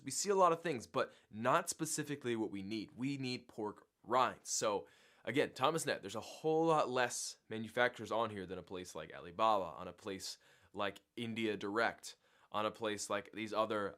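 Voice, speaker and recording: A man's voice: on the low side, fairly bright tone. A man with a sick voice, co-hosting a livestream and walking viewers through steps in an upbeat way. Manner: upbeat, explanatory. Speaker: co-host. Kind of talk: livestream tutorial.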